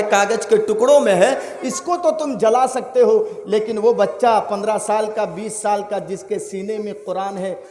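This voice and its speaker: A man preaches a fiery sermon in a very high, ringing voice, stretching each phrase slowly and chanting it out. His delivery swells toward shouts. The sound carries the heavy echo and long reverb of a public address system at an open-air gathering. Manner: drawn-out sing-song delivery, swelling to shouts. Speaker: Islamic preacher.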